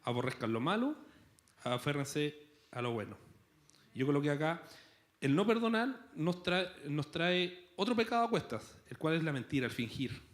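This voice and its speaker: A man's voice: on the high side, big pitch swings, normal speed. A man with a Chilean accent preaching a sermon in a church, conversational and playful, tossing in rhetorical questions. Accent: Chilean Spanish. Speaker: pastor.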